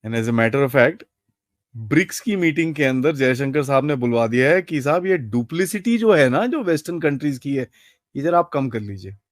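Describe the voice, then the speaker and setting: A man's voice: mid-range voice, animated, moderate pace, no echo, studio quality. A man arguing emphatically as a panelist in a political debate, calling the host sir and slipping English phrases into his talk.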